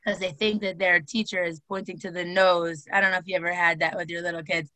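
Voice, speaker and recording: A woman's voice: on the low side, fast talker, dry recording, poor audio. A woman teaching a class, asking her listeners question after question and mixing Hebrew terms into her talk. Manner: lively, asks questions, uses Hebrew terms. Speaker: Torah teacher. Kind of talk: classroom lecture.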